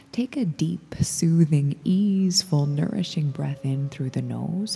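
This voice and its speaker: A woman leads a meditation in a soft, breathy spa whisper, very mellow and low. As a gentle instructor she speaks extremely slowly and soothingly, her voice trailing into long reverb over faint music.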